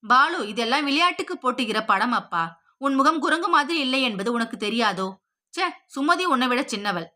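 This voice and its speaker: Woman reading as a kind storybook mom, soothing, high bright voice. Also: lively intonation, moderate pace. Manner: soothing, kindly. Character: gentle caring mother.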